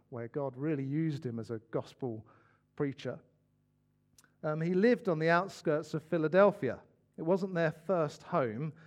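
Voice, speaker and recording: Brief: man preaching, earnest and conversational, slightly higher voice. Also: a little mellow. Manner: earnest, conversational, with small asides. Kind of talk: sermon.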